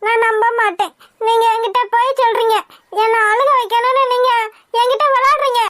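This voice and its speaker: A woman voicing a young lovesick village woman in a cartoon, with a high, squeaky, weepy voice. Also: fairly even intonation, fairly quick, a bit bright, dry recording. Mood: tearful. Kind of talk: cartoon voice acting.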